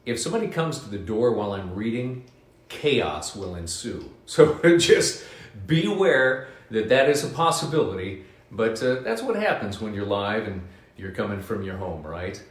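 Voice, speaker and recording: A man hosting a live children's book reading from his home, telling the story in an animated, sing-song way. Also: fairly low pitch, moderate pace. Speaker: radio host reading to kids. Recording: roomy home echo.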